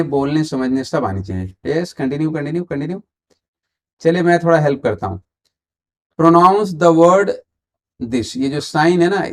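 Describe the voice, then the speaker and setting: A man's voice: on the high side, creaky, darkish tone. A man with an Indian accent teaching English grammar online, mixing Hindi and English and quizzing viewers while he waits for their answers. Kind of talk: online exam-prep grammar lesson.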